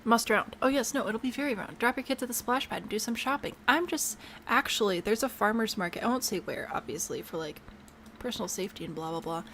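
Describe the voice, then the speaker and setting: A woman's voice: on the high side, fast talker, a bit bright, a little hiss or hum. A woman chatting casually to herself while she builds in a video game, bubbly and prone to trailing off mid-thought. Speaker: game streamer.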